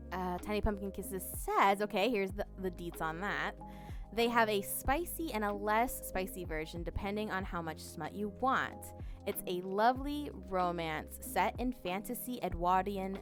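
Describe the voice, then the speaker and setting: A woman's voice: medium pitch, a bit bright. A woman streamer in a casual live chat, reading messages aloud with many fillers and restarts, breaking into bubbly greetings.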